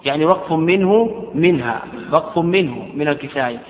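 A man teaching Quran readings in a lecture, repeating his phrases and reciting the quoted verses slowly and carefully. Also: fairly high pitch, lively intonation. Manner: repeats phrases, restarts and self-corrects while explaining. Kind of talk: classroom lecture explaining a text. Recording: tinny, echoey lecture hall recording.

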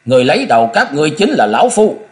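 An icy masked swordsman, vengeful and cold, bites off each word with quiet menace, as a male narrator puts him on. The voice sits a little higher and pushes harder than a plain reading voice, with a wide, lively rise and fall. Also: moderate pace. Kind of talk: audiobook character voice.

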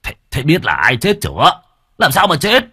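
A man voicing a stern village chief who snaps and shouts at people. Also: fairly high pitch, wildly swooping pitch, moderate pace, breathy edge, voice pushed up, exaggerated voice. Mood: angry. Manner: barking, shouting.

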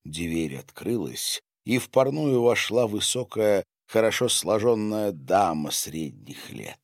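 A man narrating an audiobook in a measured storytelling manner, close to the mic. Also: lowish voice, animated, no room sound. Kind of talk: scripted narration.

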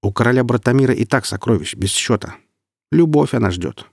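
A man's voice: mid-range voice, animated, brisk, gravelly, a little mellow, no room sound, studio quality, voice pushed up. A man reading the part of an earnest young man of conscience who speaks in an indignant, sincere way.

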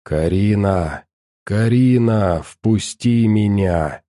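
A man voicing an unseen presence that speaks in a slow, insinuating whisper. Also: on the low side, mellow, no room sound, clean studio sound.

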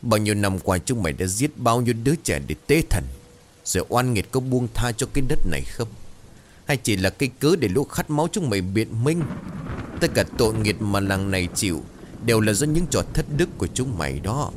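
A desperate father cornered by a mob, as a male narrator puts him on. He growls his words through clenched teeth in a low voice. His delivery swings widely in a horror storybook reading. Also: animated, a little fast, noisy background, lightly acted. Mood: furious. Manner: growling, menacing. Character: desperate drunken father defending his son, fierce.

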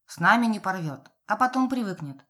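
A woman voicing a middle-aged father in an audiobook, calm and explaining. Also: mid-range voice, brisk, close to an everyday voice.

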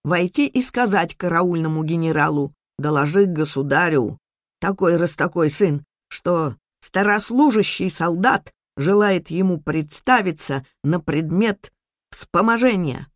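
A woman reading a story, voicing a dying old male soldier who boasts and barks commands in a lowered, gravelly voice. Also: lively intonation, a little slow, no echo, clean studio sound. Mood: boastful. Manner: loud barked commands.

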